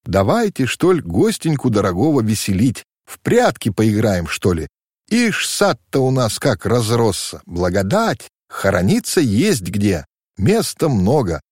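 A man voicing a bold, mocking young servant girl with a quick, teasing folksy way of talking in a storybook reading. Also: fairly low pitch, wildly swooping pitch, a little mellow, slightly rough, no room sound, studio quality, exaggerated voice. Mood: cheerful.

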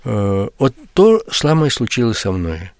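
A man's voice: on the low side, very animated, unhurried, darkish tone, no echo, clean studio sound. An older writer, a guest on a radio interview, recalling his past with many fillers and restarts.

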